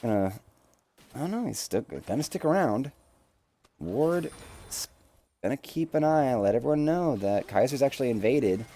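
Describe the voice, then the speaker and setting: A man calling a video game match play-by-play, quick and jokey, getting louder in big moments. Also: medium pitch. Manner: rapid play-by-play, jokey banter, rises excitedly in big moments. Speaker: esports play-by-play caster. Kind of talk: live game commentary.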